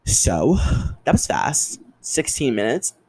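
A young man hosting his own podcast, chatting casually and animatedly, swearing often and jumping up in pitch for emphasis. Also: sing-song, slow pace, darkish tone, husky, poor audio. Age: young adult. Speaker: podcast host. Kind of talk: casual solo podcast chat.

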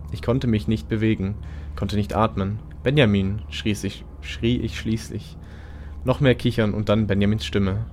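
A man with a low voice narrates a creepy first-person tale in a steady, measured way. His delivery stays flat and restrained, with little rise and fall. Soft music plays underneath. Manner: even, low-key first-person storytelling with small restarts. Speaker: podcast host reading a horror story. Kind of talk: scripted horror narration.

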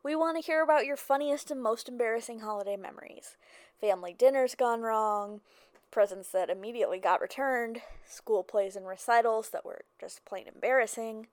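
A woman playing a small-town call-in radio host, with a smooth, breezy, chatty radio-host delivery. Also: on the high side, normal speed, no room sound, natural voice. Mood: chipper.

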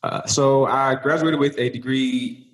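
A St. Louis man guesting on a podcast speaks a little slowly in a medium-pitched, steady voice with a polished broadcast quality. Talkative and casual, he tells stories that drift into tangents. The sound is roomy with echo.

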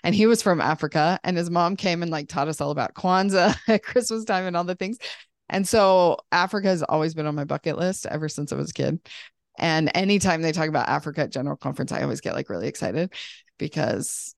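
A woman with a notably low voice, speaking as a guest on a podcast. Her voice is dry and close, with no room sound, and she talks in a bubbly, talkative way. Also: fast, creaky, no room sound. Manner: bubbly, talkative, laughs often. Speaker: podcast guest, life coach. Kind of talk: casual podcast chat.

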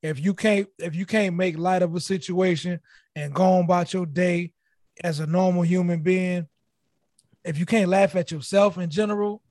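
A man's voice: high voice, steady tone, normal speed, a little mellow, no room sound, studio quality. A man in casual group chat, telling stories animatedly and laughing often.

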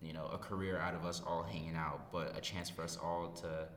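A man's voice: low-pitched, little pitch movement, brisk, fairly bright tone. A nineteen-year-old man hosting a podcast in casual, self-deprecating, joking chat, recorded in an echoey study room. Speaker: podcast host. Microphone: podcast microphone. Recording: echoey room, reverb, background noise.

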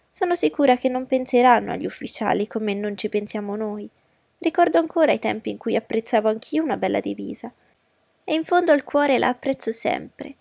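A woman voicing a fussy, excitable middle-aged mother who talks in an eager, pushy way. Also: a little high, creaky, dry recording, pitched above the performer's own voice. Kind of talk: audiobook character voice.

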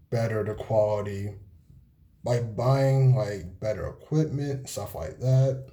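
This is a nineteen-year-old man hosting a casual solo podcast, speaking at a medium pitch in a laid-back monotone full of fillers and pauses. It was recorded on a cell phone.

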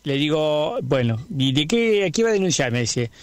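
A man's voice: a little high, sing-song, normal speed, no echo. A man with an Argentine accent playing a bumbling, boastful superhero who is afraid of everything, rambling through a radio comedy sketch and acting out each voice in his tale. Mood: rambling, comic. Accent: Argentine Spanish.

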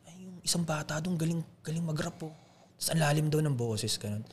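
A young adult man, a podcast guest, telling stories in a loose, animated way, full of slang fillers. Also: fairly high pitch, brisk, a crowd in the background. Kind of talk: casual storytelling chat.

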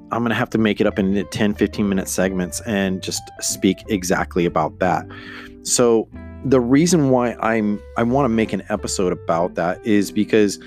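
A man's voice: lowish voice, a little slow, soft background music. A man hosting a solo podcast in a casual, hesitant, meandering way, often thinking aloud. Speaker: podcast host.

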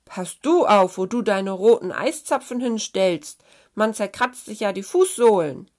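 A woman voicing an indignant male snow hare who scolds loudly in a children's story. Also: mid-range voice, lively intonation, a little slow, close to an everyday voice. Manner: loud, scolding.

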